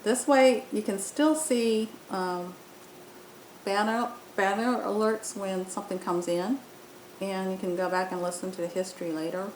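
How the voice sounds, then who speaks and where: In a steady, slightly slow voice, a woman narrates an unscripted app demo, explaining it step by step with some hesitation. Her voice-over accompanies a screen recording made in an indoor room, where a roomy echo and a faint rumble can be heard.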